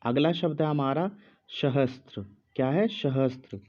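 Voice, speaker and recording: Male teacher, slow measured dictation, muffled lo-fi sound. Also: mid-range voice, a little mellow. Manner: speaks slowly with pauses, repeats each word. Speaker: Hindi teacher.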